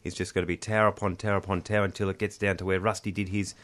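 A man's voice: deep voice, level tone, very fast, fairly bright tone. An Australian man chatting casually in a matey, colloquial tradesman's way, like a union rep on a podcast. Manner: blokey Aussie tradesman talk, matey and colloquial. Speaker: union representative, podcast host. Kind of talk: casual chat.

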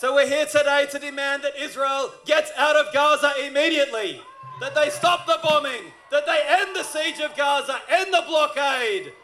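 A man addresses an outdoor protest rally as one of its MCs. His voice is high for a man, with a bright and forceful edge. He delivers his speech in a rousing way and often raises it to a shout. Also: moderate pace, slight background noise.

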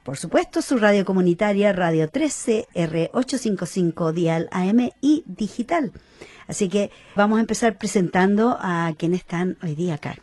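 A woman's voice: mid-range voice, animated, moderate pace, a little mellow. A woman from Chile hosting a community radio talk show, earnest and outspoken. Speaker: radio host.

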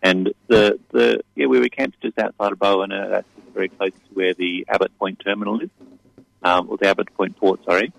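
Deep, creaky man in a radio interview. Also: steady tone, a little fast, no echo, low-quality recording. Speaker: interview guest, activist.

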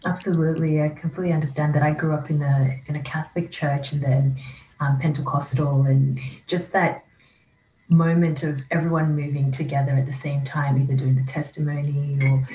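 A woman's voice: low voice, level tone, a little fast, mellow. A woman hosting an interview, asking reflective questions and murmuring encouragement. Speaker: podcast host. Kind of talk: conversational interview. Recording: echoey room, faint hiss.

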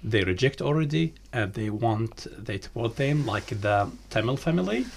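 A man speaking as a guest on a radio interview, halting and hesitant with many fillers. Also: mid-range voice, expressive, creaky, slight background noise.

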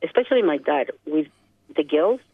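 A woman from Chile, speaking Chilean-accented Spanish as an interview guest, is reflective and searches for words over a dry, tinny phone line. Her voice sits low and slightly rough, animated but at normal speed, recorded dry.

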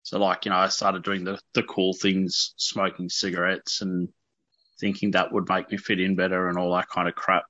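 A lowish, bright-voiced Australian man around thirty, talking candidly in an interview. His manner is informal and a little self-deprecating, with hesitations as he thinks. The sound is dry and slightly dull, like lo-fi radio. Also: completely flat delivery, moderate pace, dry recording. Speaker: interview guest.

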